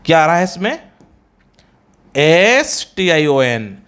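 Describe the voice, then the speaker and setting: Slow-spoken Indian English teacher. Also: male voice, fairly high pitch, very animated, fairly bright tone, clear, resonant tone. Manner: slow, drawn-out repetition of words and spellings; mixes Hindi and English. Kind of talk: pronunciation lesson.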